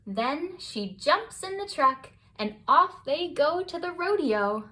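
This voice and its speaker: A woman whose voice sits high reads a children's picture book aloud as scripted bedtime narration. Her phrasing is expressive and deliberate, in the manner of a children's storybook reader.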